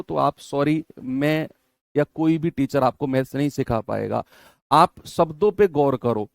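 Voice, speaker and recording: Male maths teacher, smooth resonant voice, fairly high pitch, repeats steps, dry close mic. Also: darkish tone, no room sound. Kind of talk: online exam-prep maths lesson.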